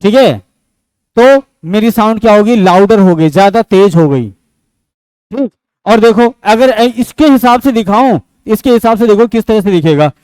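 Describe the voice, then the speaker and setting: A man's voice: sits high, animated, unhurried, clear, resonant tone, dry recording, rough recording. A man teaching a physics class, often asking the students a question and answering it himself. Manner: asks and answers his own questions; switches between loud and soft speech.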